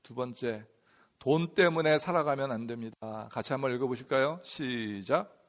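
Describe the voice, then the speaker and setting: A man's voice: medium pitch, normal speed. A man pastor preaching a sermon in a church, telling humorous stories and addressing the congregation directly. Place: church sanctuary.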